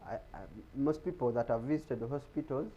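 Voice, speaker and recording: A man's voice: medium pitch, fairly quick, lo-fi sound, a little hiss or hum. A man giving an explanatory talk on health in a TV studio, often repeating words as he searches for them. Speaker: guest speaker on health.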